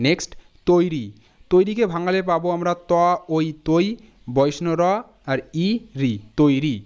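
Male teacher, smooth higher voice, methodical letter-by-letter spelling, lo-fi recording. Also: a little mellow. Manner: slow, spells words out letter by letter. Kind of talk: spelling lesson. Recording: dull lo-fi sound.

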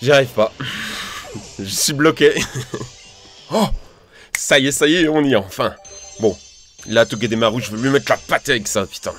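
A man giving gameplay commentary, excitable, loudly exclaiming and complaining as he plays. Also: mid-range voice, normal speed, pauses often, faint music behind. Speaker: gaming YouTuber.

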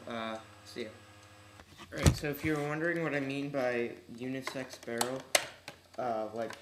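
A teenage man with slightly odd articulation from braces, giving an offhand, slangy, unscripted demonstration for a casual home vlog. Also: mid-range voice. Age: teens. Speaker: hobbyist video host. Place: large room at home, indoors. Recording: echoey room, noisy webcam-style audio.

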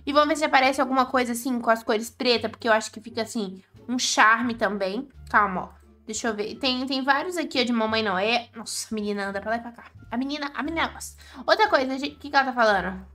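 A woman's voice: on the high side, fast, fairly bright tone. A woman with a Brazilian Portuguese accent giving chatty, exclaiming gameplay commentary to her viewers as the host of a gaming channel.

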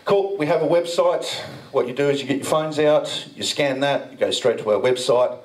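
A middle-aged man jokes at his own expense during a blockchain meetup talk, bantering with listeners while holding a mic in a dark venue. His voice sits in the mid range and moves at normal speed, captured on a rough recording.

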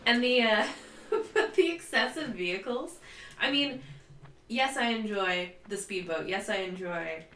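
A woman playing a video game and chatting casually at home, with quick asides and frequent laughs. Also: medium pitch, pushed and bright, echoey room, distant mic, a little hiss or hum. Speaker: let's play player. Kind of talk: casual gameplay commentary. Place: home room with a cat.

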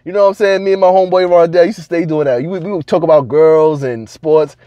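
A man vlogging to camera, telling stories in a casual, slangy, animated way and laughing between lines. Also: a little high, fast talker, dry recording, muffled recording.

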